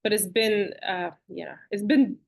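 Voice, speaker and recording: A woman from Bulgaria, a guest in an interview, talking in an animated, chatty way with fillers and restarts over a video call. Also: medium pitch, moderate pace, creaky. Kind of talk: conversational interview.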